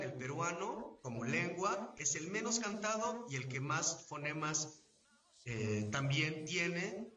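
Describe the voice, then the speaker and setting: Mexican man explaining things slowly, echoey hall. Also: a little high, pushed and bright. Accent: Mexican Spanish. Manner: didactic, measured, asks if understood. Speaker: voice actor, interview guest. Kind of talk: live event interview, explaining at length. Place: event venue. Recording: echoey, distant, dull sound.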